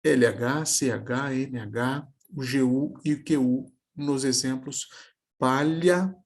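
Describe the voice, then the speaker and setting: A male teacher with a gravelly, husky voice, explaining a lesson at a measured pace. He stretches out example words slowly to show how they break apart. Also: mid-range voice. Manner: slow, careful, spelling words out syllable by syllable.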